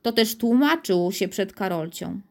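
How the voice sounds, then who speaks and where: A woman reads a children's storybook aloud with an expressive, animated voice. Her pitch moves freely while the pacing stays measured and clear. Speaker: narrator. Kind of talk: storybook reading.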